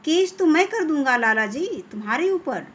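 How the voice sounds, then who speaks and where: A woman's voice: high-pitched, lively intonation, normal speed, a bit bright. A woman voicing a protective village father who grows firm and scolding. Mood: angry. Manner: firm, scolding toward the shopkeeper.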